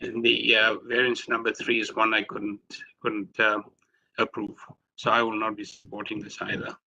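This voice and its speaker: A man's voice: lowish voice, monotone, moderate pace, sharp tone, lo-fi sound. A Canadian man on a planning committee speaking hesitantly, with many fillers. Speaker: committee member. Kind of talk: formal hearing remarks.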